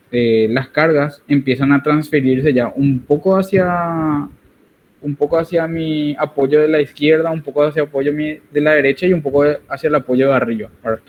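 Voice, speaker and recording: A man's voice: medium pitch, phone-quality sound, a little hiss or hum. A man giving an online engineering tutorial, explaining while he draws and often checking with tag questions.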